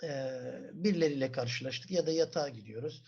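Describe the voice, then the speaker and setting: A man with a Turkish accent teaching a German class, asking the students questions, answering them himself and repeating words slowly for pronunciation. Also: a little high, a little mellow, husky. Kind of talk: classroom lesson. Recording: dull lo-fi recording.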